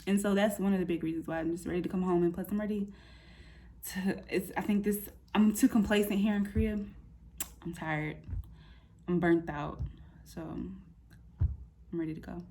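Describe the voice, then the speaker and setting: A thirty-year-old woman gives a casual personal update from her apartment, speaking candidly in informal slang. Her low-leaning voice moves at a moderate pace with frequent pauses as she animatedly retells events, quoting asides along the way.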